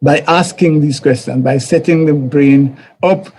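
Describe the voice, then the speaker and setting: A man with a Jamaican accent gives an informal, conversational teaching talk for a church life series, often repeating himself, chuckling, and acting out the voices he quotes. His voice is a little high with a darkish tone, and he takes his time.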